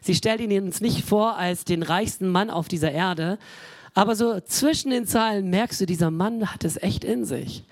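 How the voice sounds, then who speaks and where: A woman's voice: mid-range voice, normal speed, a little mellow, no room sound. A woman in her forties preaching a sermon, talking directly to the congregation with fillers and self-corrections. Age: 40s. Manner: conversational, addresses the congregation directly.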